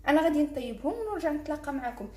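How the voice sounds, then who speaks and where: A woman's voice: high voice, expressive, racing, dark tone, echoey room. A woman with a Moroccan Arabic accent hosting a cooking tutorial, talking viewers through each fold as she works. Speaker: cooking channel host.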